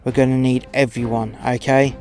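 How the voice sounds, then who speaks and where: A man acts out a gung-ho starship captain for an audio drama. He is commanding yet informal, reckless and cocky, swearing freely. Music plays clearly behind his voice. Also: medium pitch, level tone, normal speed, mellow, lightly acted.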